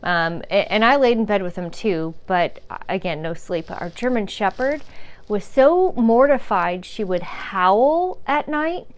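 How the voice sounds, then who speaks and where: Woman telling a blunt funny caregiver story, smooth clear voice, rambles and restarts a lot. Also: mid-range voice, lively intonation, a little slow. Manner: rambling and frank, with restarts, swearing and chuckles. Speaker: caregiver sharing her story. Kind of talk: candid personal storytelling.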